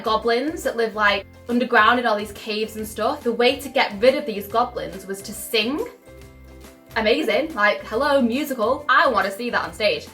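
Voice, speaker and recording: A woman's voice: fairly high pitch, fairly bright tone. A young woman chatting casually to camera as a vlogger, bubbly and gushing, with lots of "like" fillers.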